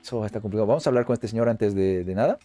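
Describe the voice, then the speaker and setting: A man giving excited let's play commentary, chatty and often repeating phrases in quick bursts. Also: lowish voice. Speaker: gameplay commentator. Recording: faint game music underneath.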